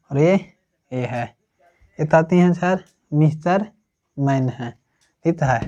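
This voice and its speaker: Slow-spoken grammar tutor who keeps checking in with the class, on a dull lo-fi recording. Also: mid-range voice, warm tone. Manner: slow, repetitive, checks with "ठीक है ना?" often. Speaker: English grammar teacher. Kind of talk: classroom-style grammar lesson.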